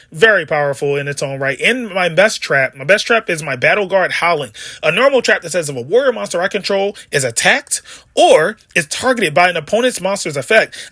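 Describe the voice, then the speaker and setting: A man with a high, bright voice rambles through a casual card game deck breakdown, cracking jokes and wandering into asides. The sound is close and dry, with no room around it. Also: dry recording. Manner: rambling, chatty, jokey asides. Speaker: card game video host. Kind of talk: casual deck profile commentary.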